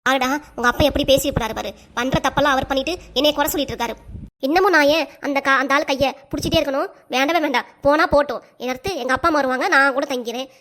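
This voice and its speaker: A woman voicing an angry mother and wife in a cartoon, scolding sharply and without pause. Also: sits high, a bit bright. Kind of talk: cartoon voice acting.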